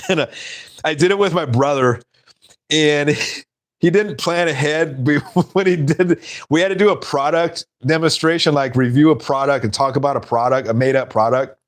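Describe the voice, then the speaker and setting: A man's voice: fairly high pitch, moderate pace. A man hosting a casual live stream, rambling and laughing at his own stories.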